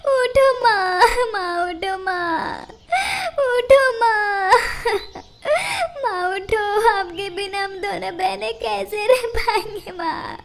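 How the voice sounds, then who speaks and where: A tiny cartoon bird girl, voiced by a woman, pleading with her mother in sobbing cries. Her voice sits extremely high and thin, and she draws each word out slowly. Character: young female bird, devoted, tearful younger sister. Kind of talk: Hindi cartoon voice acting.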